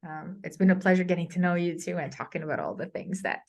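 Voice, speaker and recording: A woman from Romania, a scholar who is a guest on a podcast, telling stories in a casual, halting way with many fillers. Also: fairly low pitch, animated. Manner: hesitant, with many fillers and restarts. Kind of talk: conversational storytelling.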